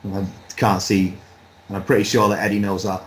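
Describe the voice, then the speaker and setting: A man chatting casually as a pundit, relaxed and rambling, with a light laugh now and then. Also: on the low side, brisk, slight background noise, low-quality recording. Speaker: boxing pundit. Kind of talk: casual chat.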